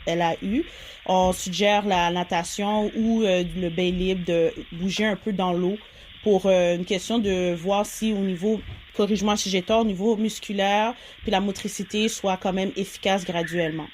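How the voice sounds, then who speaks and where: A woman's voice: medium pitch, fairly even intonation, normal speed, darkish tone, slight background noise. A woman, hosting an interview and asking long, hesitant questions. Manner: hesitant questions with many "euh" fillers. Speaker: host. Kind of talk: casual interview.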